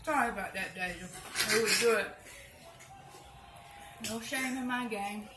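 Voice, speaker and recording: A woman's voice: mid-range voice, a little slow, recorded from a distance. A woman hosting a casual mukbang at home, talking with her mouth full while eating and murmuring her approval of the food. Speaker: mukbang host. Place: home, indoors. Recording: roomy, noisy home recording.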